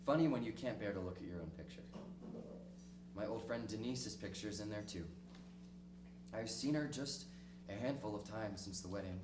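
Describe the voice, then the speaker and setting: A man with a low-leaning voice gives a lightly acted monologue as a lonely, cynical middle-aged diarist in a one-act play reading, speaking ruefully and reflectively with halting pauses in a nostalgic mood. It was recorded on a small theater stage from the audience's distance, sounding distant and echoey with a noisy hum.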